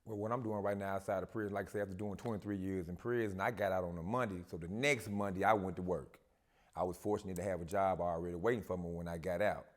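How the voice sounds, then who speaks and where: A man with a low voice is a guest on a casual talk show. He speaks calmly and steadily, reflective, with Southern slang. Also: fast talker.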